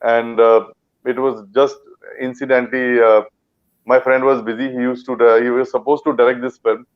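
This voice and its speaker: This actor from Punjab, a guest in a casual interview, rambles with fillers and restarts in Indian-accented English. His medium-pitched voice is smooth and flat at a moderate pace, captured with lo-fi sound.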